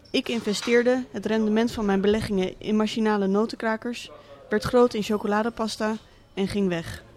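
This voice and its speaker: A woman's voice: mid-range voice, a little mellow, natural voice. A woman reading as a sardonic absent tycoon father. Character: cynical rich middle-aged father, absent tycoon. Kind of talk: literary monologue reading.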